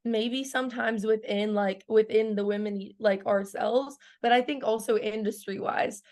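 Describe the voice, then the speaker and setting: Pitched a little high with a darkish tone, this woman speaks at a moderate pace and fairly even intonation. She's a country singer in her twenties chatting in an interview, bubbly, laughing often, with lots of "like" fillers.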